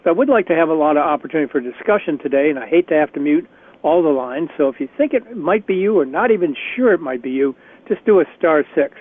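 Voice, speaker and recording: Over a tinny phone line, a man with a slightly raspy, fairly high voice runs a career workshop on a conference call. He talks fast and expressively, staying chatty and encouraging while often restarting his sentences.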